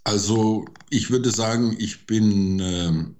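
An older man giving interview answers slowly, halting with many fillers. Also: on the low side, darkish tone, slight background noise. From Germany. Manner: slow and hesitant, many fillers. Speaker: interview guest, forester.

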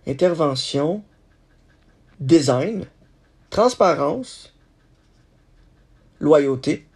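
A man hosting a solo podcast, thinking aloud in a halting way with many restarts. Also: fairly high pitch, animated, a little mellow, husky. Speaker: podcast host.

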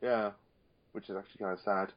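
A man's voice: on the low side, fairly even intonation, brisk. A man co-hosting a casual wrestling chat, rambling and repeating phrases for emphasis. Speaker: podcast co-host. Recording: dull, lo-fi audio.

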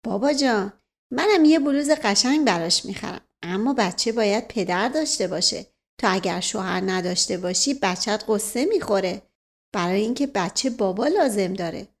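A woman voicing a gentle, persuasive middle-aged nobleman with a teasing wit. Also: medium pitch, lively intonation, lightly acted. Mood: coaxing.

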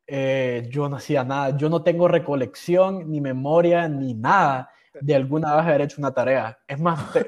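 Young honduran guy telling school stories, slangy and self-mocking, voice on the higher side. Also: muffled recording. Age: young adult. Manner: slangy, self-mocking, peppered with English words. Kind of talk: casual storytelling.

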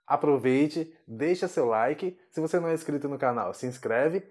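A man giving a video English lesson, slowing down carefully to model each pronunciation. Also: fairly high pitch, darkish tone. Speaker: English teacher.

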